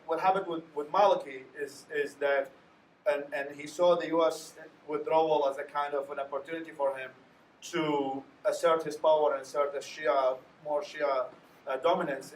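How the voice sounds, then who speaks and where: Man, echoey hall. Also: on the high side. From Iraq. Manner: earnest, winding, many restarts. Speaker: panelist. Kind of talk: panel discussion answer. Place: lecture hall. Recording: echoey hall, distant mic, faint hiss.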